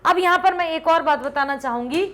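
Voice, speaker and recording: High-voiced woman teaching a lesson. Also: a little fast, fairly bright tone. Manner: explanatory, asks checking questions. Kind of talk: classroom-style online lesson.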